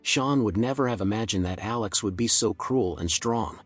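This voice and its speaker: Male narrator, husky low voice, even story reading over faint music. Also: moderate pace.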